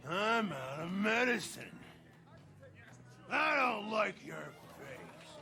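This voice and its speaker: An actor playing a drunk, belligerent bar patron in a video game, slurring and spoiling for a fight. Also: male voice, sits high, big pitch swings, takes it slowly, sharp tone, exaggerated voice. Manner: slurred, blustering, picking fights.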